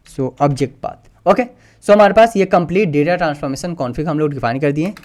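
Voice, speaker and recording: In a screen-recorded coding tutorial, a male instructor patiently explains each step and reads code aloud as he types, mixing in English terms. His voice is a little high and darkish, and he talks fast.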